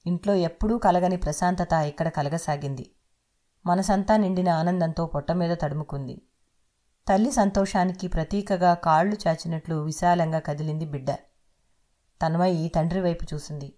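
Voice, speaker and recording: A woman narrating an audio novel in a steady, literary storytelling manner. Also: fairly low pitch, moderate pace.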